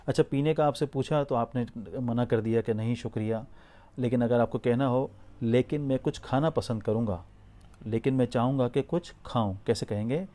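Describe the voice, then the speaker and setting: A man teaching spoken Arabic, giving prompts, then saying each phrase slowly and asking the listener to repeat it. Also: mid-range voice, warm tone. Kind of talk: spoken language drill lesson.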